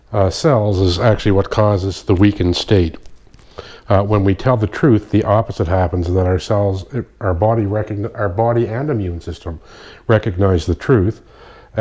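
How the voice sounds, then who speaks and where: Nasal low-voiced man explaining. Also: warm tone. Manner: explanatory, stops to correct himself. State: nasal from a sinus infection. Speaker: kinesiology practitioner. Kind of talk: casual spoken demonstration. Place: indoor room at night, dim light. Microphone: phone.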